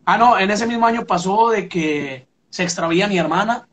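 A man's voice: sits high, normal speed, fairly bright tone. A young Mexican man, a musician, telling his story in a casual interview, full of fillers and "pum" sound effects.

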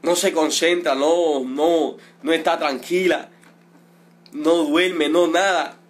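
A middle-aged man from Cuba, father of a detained protester, speaks on a livestream with a steady tone and a slightly high voice. His emotional appeal is indignant and pleading, full of repetition and drawn-out emphasis.

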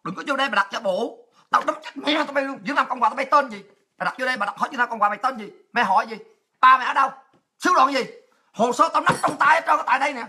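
A woman with a Southern Vietnamese accent, hosting a livestream and delivering a crude, taunting political rant with frequent shouting. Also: high-pitched, racing, husky. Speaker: livestream host.

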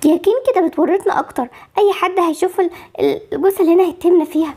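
A woman's voice: very high voice, racing, mellow. A woman voicing Barbie, an anxious, protective young mother with an Egyptian accent, fretful and soothing in an amateur game movie. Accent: Egyptian Arabic.

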